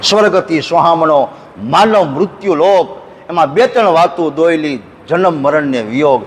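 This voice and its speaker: A man preaching a devotional sermon at an ashram, telling folksy stories and breaking into slow sung verses. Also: on the high side, expressive, big-room sound, slight background noise. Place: ashram hall.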